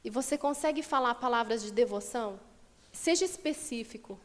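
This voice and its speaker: High-voiced woman preaching in a reverberant church. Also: normal speed. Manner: lively, conversational preaching with acted quotes. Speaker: pastor. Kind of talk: sermon. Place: church sanctuary. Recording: long church hall reverb.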